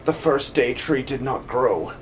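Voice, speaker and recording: For a fantasy game fan dub, a man voices a gentle old pastor on his deathbed, sounding solemn and wise. His mid-range delivery is slow and lightly acted, coming in halting phrases, with a little hiss or hum on the recording.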